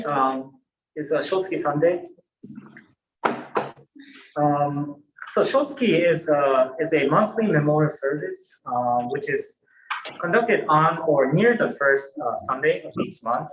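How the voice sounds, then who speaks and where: Buddhist minister, male, fairly high voice, reflective dharma talk, echoey temple room. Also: fairly bright tone, slight background noise. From Japan. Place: temple hall. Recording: roomy temple hall echo.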